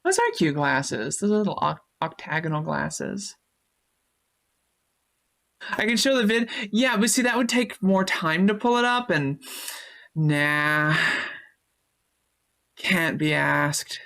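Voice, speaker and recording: A woman's voice: low-pitched, lively intonation, takes it slowly, creaky, pauses often, fairly bright tone. A woman streaming live, chatting loosely with her viewers, thanking them and swearing freely. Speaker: Twitch streamer. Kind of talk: casual live-stream chat, reading chat messages.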